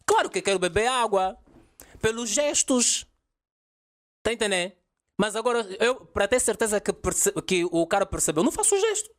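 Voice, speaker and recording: A man's voice: high-pitched, sing-song, normal speed. Man, English teacher guest, emphatic explainer who mixes in English example lines. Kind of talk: podcast interview.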